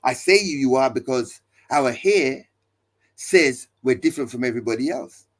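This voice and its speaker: A man's voice: mid-range voice, expressive, moderate pace. A male pastor preaching to listeners, building his points with emphatic repeated refrains and rhetorical questions. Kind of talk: preaching talk.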